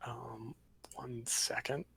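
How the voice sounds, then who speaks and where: A man narrates a tabletop campaign as the game master on a livestream. His voice is gravelly and a little husky. He tells the story loosely, drifting through fillers and asides. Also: medium pitch, little pitch movement, drawn-out words, sharp tone, rough recording. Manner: casual, rambling narration with fillers.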